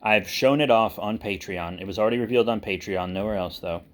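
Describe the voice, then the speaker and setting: Fairly low in pitch and fairly quick, this man's voice carries a casual, rambling update to his viewers. As an online video creator and writer, he speaks informally and keeps correcting himself while thinking aloud.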